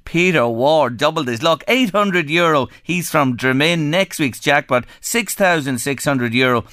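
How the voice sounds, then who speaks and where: Smooth, higher-voiced Irish radio host. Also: male voice, lively intonation, unhurried, pushed and bright, dry recording, clean studio sound. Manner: effusive, folksy, asks rhetorical questions. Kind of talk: chatty local radio presenting.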